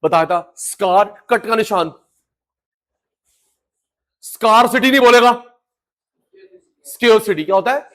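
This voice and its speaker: Man, middle-aged teacher, high pitch, energetic call-and-response lecturing in Hindi-English mix. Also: moderate pace, pauses often. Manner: energetic, drills students with call-and-response repetition; mixes Hindi and English terms. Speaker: economics teacher. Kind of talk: live class lecture.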